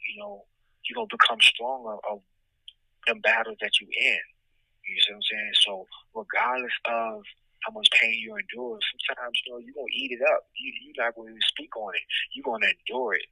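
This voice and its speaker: An American man speaking candidly in an interview on a prison phone, with a raspy voice and emphatic, repeated check-ins with his listener. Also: sits high, lively intonation, brisk, pushed and bright, no room sound. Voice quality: raspy, gravelly. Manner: emphatic, frequent "you know what I'm saying" check-ins. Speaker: interviewee, incarcerated poet. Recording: dry, close prison phone call.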